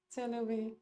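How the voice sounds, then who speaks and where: A woman's voice: a little high, warm tone, roomy sound. A woman English teacher giving an online class lecture, mixing Hindi and English in a coaxing, chatty way.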